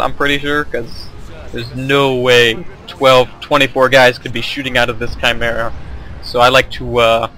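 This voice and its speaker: A man's voice: mid-range voice, bright, forceful tone, a little hiss or hum, rough recording. A young man casually commentating his own strategy game replay, rambling and correcting himself as he goes. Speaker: gameplay commentator.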